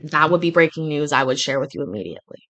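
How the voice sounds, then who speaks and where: A woman's voice: low-pitched, animated, racing, fairly bright tone. A woman hosting a casual home stream from her kitchen, reading news aloud and then chatting in a rambling, chatty way. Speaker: channel host.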